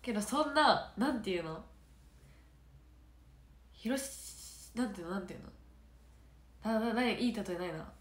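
The speaker is an idol trainee responding to livestream comments, her nose stuffed up and her voice nasal. She is expressive and mid-range, talking at a normal speed with frequent pauses, giggling and chatting as she moves from soft murmurs to brighter bursts. Her echoey room adds noticeable reverb.

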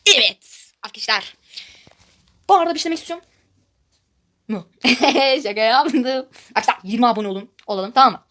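A woman chatters through her gameplay in a high, bright voice that races along, calling out to her viewers over and over. She turns excitable and shrieky when the game goes wrong. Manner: excitable, repeatedly addresses viewers as friends; shrieks loudly when frustrated. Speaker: gaming YouTuber. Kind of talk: casual gameplay commentary.

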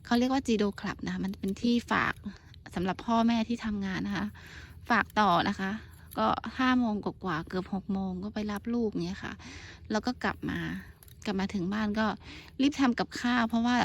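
Woman, 30s, from Thailand, casual gardening vlogger, excitable, outdoors with a handheld phone. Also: mid-range voice, normal speed. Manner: chatty, bursts into excited exclamations. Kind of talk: casual chat while gardening. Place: outdoor vegetable field in rural Japan. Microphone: handheld phone camera.

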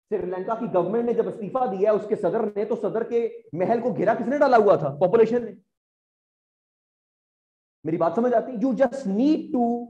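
A man's voice: high-pitched, dark tone, dull audio. A man with a Pakistani Urdu accent lecturing exam students as a teacher, asking rhetorical questions and often checking whether they follow.

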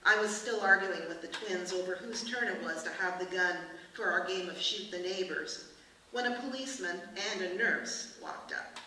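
A woman author reading aloud from her novel at a book festival, in measured, expressive narration. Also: lowish voice. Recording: echoey room from far off, hiss.

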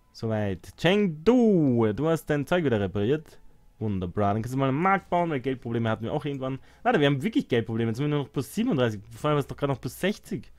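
A young man casually commenting on his strategy game, sarcastic and chatty, talking to his units and muttering at distractions. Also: mid-range voice. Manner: chatty, sarcastic, talks to game units and phone, mixes English swears. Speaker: let's play host.

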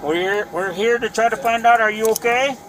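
A man's voice: high-pitched, fairly quick, fairly bright tone. A male police officer informally explaining each step to a detainee and checking that he agrees. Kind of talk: instructing and questioning a detainee. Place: aircraft cabin, body-worn camera. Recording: noisy aircraft cabin body-camera audio.

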